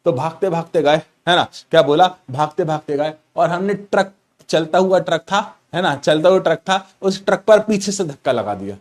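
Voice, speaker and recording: A man's voice: on the high side, animated, normal speed. A middle-aged man teaching a physics class online, playful and repeating each key point to his students.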